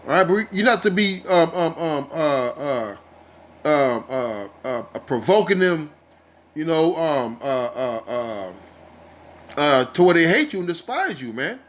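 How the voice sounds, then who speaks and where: A man's voice: on the high side, a bit bright. Man preaching scripture, cursing, calling everyone man. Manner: reads verses, then rants with profanity and many fillers; ends phrases with "man". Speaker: street preacher. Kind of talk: informal scripture teaching.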